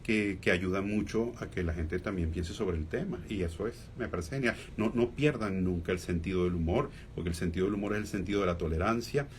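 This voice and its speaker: A man with a Venezuelan accent, a humorist guest in a radio interview, talking reflectively with many fillers and pauses. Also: low-pitched, a little hiss or hum.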